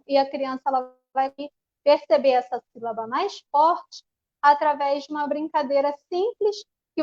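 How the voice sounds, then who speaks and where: A woman's voice: high-pitched, darkish tone, lo-fi sound. A woman teacher with a Brazilian Portuguese accent explains a classroom activity over a video call, with many restarts and fillers. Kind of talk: online panel presentation. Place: home.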